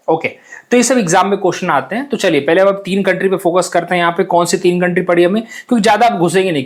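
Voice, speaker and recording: Chatty Hindi-speaking man teaching maps. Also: a little high. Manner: chatty, repeats phrases, mixes English words. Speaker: exam coaching teacher. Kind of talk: casual map lesson.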